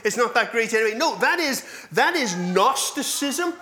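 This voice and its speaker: A man preaching a sermon. He repeats phrases for stress and lets his voice drop low at the ends of lines. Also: very animated, normal speed, sharp tone. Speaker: pastor.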